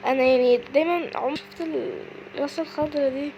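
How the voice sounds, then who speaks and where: A woman with an Egyptian accent giving casual, excitable commentary as she plays a game, often shrieking and exclaiming. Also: high-pitched, quick pace, lo-fi sound, a little hiss or hum. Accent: Egyptian Arabic. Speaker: gaming video creator.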